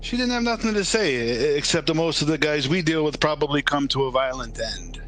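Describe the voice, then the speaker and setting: In an old-time radio drama, a man plays a nervous, reluctant working-class morgue attendant, speaking colloquially and stammering in an uneasy mood. His voice is a little high, animated, fairly bright and a little fast, over a noisy, humming background.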